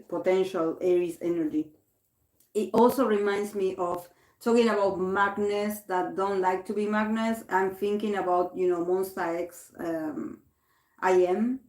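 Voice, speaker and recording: At a moderate pace and in a slightly mellow mid-range voice, the Argentine host of a tarot livestream talks casually in English, her second language after Spanish. She reads comments aloud, keeps restarting her sentences, and the room gives off an echo.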